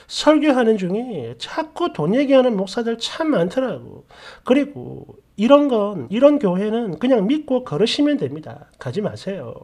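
A woman's voice: a little high, very animated, moderate pace, few pauses, mellow, breathy edge. A woman narrating online stories and comments aloud, adding sarcastic, mocking commentary between the readings. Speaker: story channel narrator.

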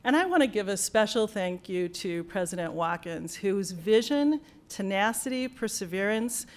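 Earnest and grateful, a college dean from the United States delivers a formal speech dedicating a building in a university auditorium. Her mid-range voice is animated and moderately paced, and her delivery is sprinkled with fillers and restarts.

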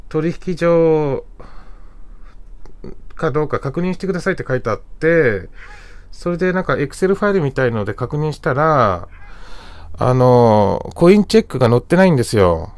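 A man's voice: fairly high pitch, darkish tone. A middle-aged man making a phone inquiry as a caller, speaking hesitantly and searching for words. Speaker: caller to a government help line.

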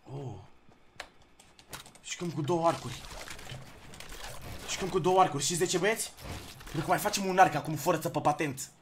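A young man streaming a video game live, talking to his chat in bursts and shouting at opponents. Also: fairly high pitch, pauses often. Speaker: gaming streamer. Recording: noisy background.

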